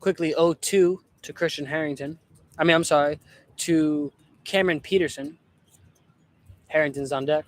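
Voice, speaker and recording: A young man calling amateur baseball play-by-play in a relaxed, chatty way, often correcting himself. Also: fairly high pitch, normal speed, long pauses, slight background noise. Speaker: play-by-play announcer.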